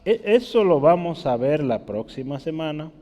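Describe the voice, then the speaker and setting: A man with a fairly high voice preaches in a church, and the reverb hangs on in the large room. He teaches in a relaxed, conversational way and keeps checking that his listeners follow. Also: normal speed, muffled recording. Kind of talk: teaching sermon.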